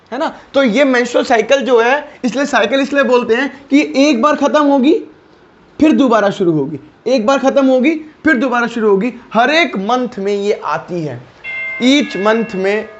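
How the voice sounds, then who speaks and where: A man's voice: very high-pitched, lively intonation, normal speed. A man teaching a biology lecture online, chatty and informal, who keeps asking his students questions and answering them himself. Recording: dull lo-fi recording.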